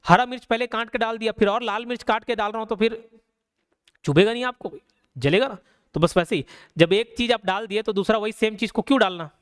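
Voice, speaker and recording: A man's voice: high-pitched, fairly bright tone, clear, resonant tone, dry recording. Man, teacher, conversational, rhetorical questions, dry close sound. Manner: conversational, asks rhetorical questions, slows to spell out examples. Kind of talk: casual classroom explanation.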